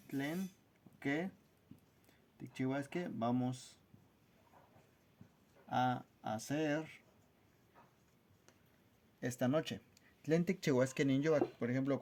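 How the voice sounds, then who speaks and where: A man teaching a language lesson at a whiteboard, spelling out words slowly and carefully in a friendly, casual way. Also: medium pitch, a little mellow.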